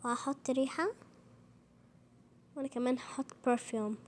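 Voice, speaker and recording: A woman with an Egyptian Arabic accent, narrating a game role-play in a playful, animated way and voicing its characters in formal Arabic. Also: high voice, moderate pace. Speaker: channel host.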